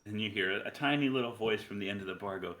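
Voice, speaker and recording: A man's voice: on the low side, quick pace, a bit bright, echoey room. A man acting as game master, casually improvising narration and questions for a tabletop role-playing game.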